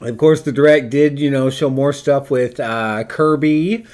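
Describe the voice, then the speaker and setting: A woman hosting a podcast, chatting casually and laughing a lot. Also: unhurried. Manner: giggly, laughs often; lively, animated pitch swings. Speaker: podcast host. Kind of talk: casual chat.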